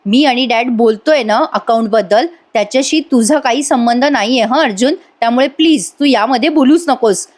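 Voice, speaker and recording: A woman's voice: fairly high pitch, normal speed, hardly any pauses, a little mellow, natural voice. A woman voicing a sulky young daughter who complains and insists. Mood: annoyed.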